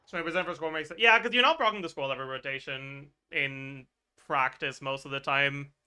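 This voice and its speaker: A man's voice: mid-range voice, bright, forceful tone, clear, resonant tone. A man streaming a game, chatting casually and thinking aloud, swearing and laughing as he works through numbers. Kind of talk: livestream game chat.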